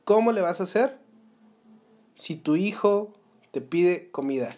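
Young Mexican male podcast host, earnest and advising, slightly higher pitch, rhetorical questions. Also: lively intonation, measured pace, a little mellow. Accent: Mexican Spanish. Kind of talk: motivational solo podcast talk.

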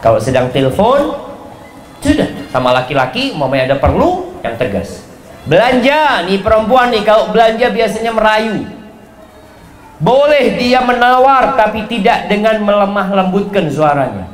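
Animated male preacher, echoey room. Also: normal speed. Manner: animated, swings pitch and volume for emphasis. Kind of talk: sermon.

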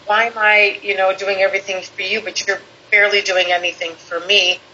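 A woman guest telling a personal story in conversation, animated, quoting people in lively voices. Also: mid-range voice, fairly quick. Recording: slightly dull lo-fi audio with faint background hiss.

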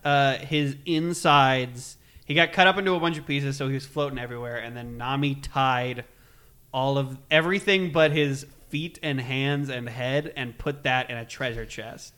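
A man hosting a casual podcast chat, talking excitedly with frequent ums. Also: medium pitch, moderate pace, clean tone. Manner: excited, chatty, with filler ums. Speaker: podcast host.

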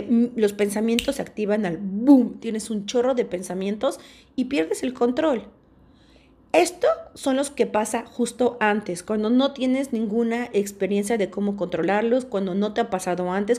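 A woman's voice: medium pitch, darkish tone. A woman hosting a podcast, speaking animatedly from personal experience and acting out anxious inner thoughts. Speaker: podcast host. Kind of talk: personal talk about panic attacks.

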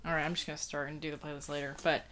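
A woman's voice: deep voice, flat delivery, very fast, a bit bright, a little hiss or hum. A woman in her early twenties chatting casually as a podcast co-host. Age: early 20s. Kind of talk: casual chat.

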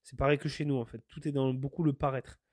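A man's voice: medium pitch, steady tone, fast talker, a little mellow, dry recording, clean studio sound. A French man hosting a podcast, talking in a passionate, rambling way, repeating himself and swearing now and then. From France. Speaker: podcast host. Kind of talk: casual monologue. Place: living in Canada.

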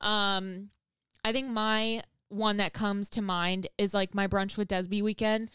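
A young woman co-hosting a casual chat with a friend, talking fast and loose with lots of "like" and some swearing. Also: mid-range voice, level tone, fairly bright tone, clean tone, no echo, studio quality. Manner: chatty, says "like" often, swears freely. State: expecting a baby. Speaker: podcast co-host.

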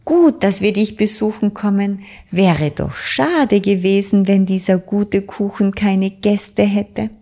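A woman voicing a proud, cheerful little witch girl who exclaims loudly in a storybook reading. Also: medium pitch, takes it slowly, hardly any pauses, voice pushed up.

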